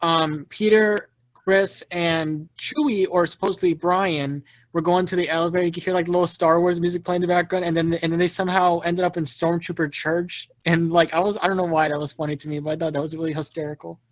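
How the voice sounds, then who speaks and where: A man hosting a casual video call chat, excitable and quick to laugh at his own stories. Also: fairly high pitch, no room sound. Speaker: party host.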